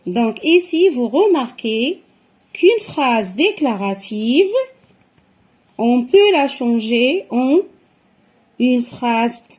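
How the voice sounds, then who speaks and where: A woman's voice: fairly high pitch, very animated, darkish tone. A woman teaching a grammar lesson to young children, explaining patiently and repeating each step. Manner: slow, patient explaining with repetitions.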